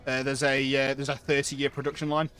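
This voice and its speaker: A man's voice: medium pitch, monotone, fairly quick, fairly bright tone, faint music behind. A man streaming a game, chatting casually with dry, self-deprecating jokes, from the United Kingdom. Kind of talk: casual banter while gaming.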